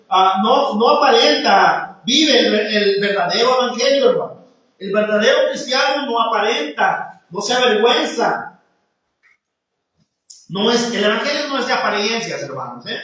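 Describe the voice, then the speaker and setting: A man's voice: very high-pitched, animated, unhurried, a bit bright. A man preaching a sermon in a conversational way, often calling his congregation brothers. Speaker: pastor. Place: church hall. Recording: echoey church hall, from far off.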